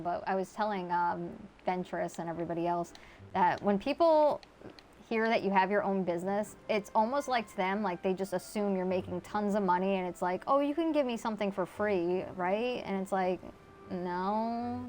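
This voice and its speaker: Streaming a game, a Connecticut-accented woman chats casually, reading and responding to chat with many fillers. Her mid-range voice is a little mellow, and there is slight background noise.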